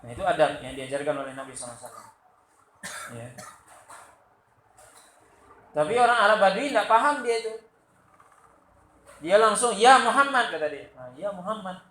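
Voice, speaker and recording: A man from Sumatra with a Sumatran Indonesian accent, giving a loud, lively religious lecture and acting out the quotes in his stories. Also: a little high, fast, long pauses. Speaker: religious teacher. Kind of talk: study-circle lecture. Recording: echoey room with faint background noise.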